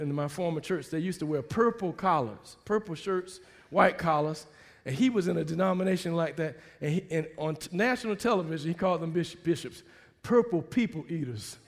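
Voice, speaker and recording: A man preaching a sermon with call-and-response, moving between quiet asides and shouted exhortation. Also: sits high. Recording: long hall reverb.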